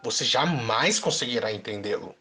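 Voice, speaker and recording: A woman giving scripted documentary narration in a solemn, measured way. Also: extremely low pitch, expressive. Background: music.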